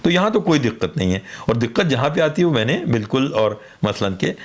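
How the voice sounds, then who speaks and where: Male radio guest, expert teacher, animated varied pitch, patient explanations. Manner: patient, teaching, spells out letters. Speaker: Urdu poetry expert guest.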